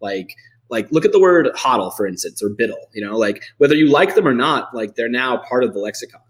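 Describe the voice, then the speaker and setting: Man, podcast host, middle pitch, casual chat, rambling, lots of fillers. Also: animated, a little fast. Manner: rambling, heavy on fillers like "like" and "you know".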